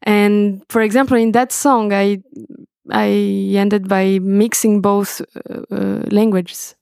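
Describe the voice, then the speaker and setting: A woman's voice: mid-range voice, level tone, takes it slowly, a little mellow, clean tone, no echo, clean studio sound. A young woman from Brazil, speaking as a guest on a video call from home and stopping often to search for words. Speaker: guest musician. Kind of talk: interview conversation. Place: home, indoors.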